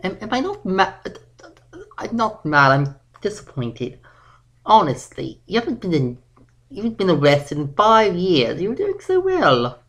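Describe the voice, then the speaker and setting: A stern father figure lecturing his daughter, unhurried and halting, played by a man. His pitch rises and falls expressively. This is amateur fan audio drama. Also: wildly swooping pitch, a bit bright, full character voice, low-quality recording.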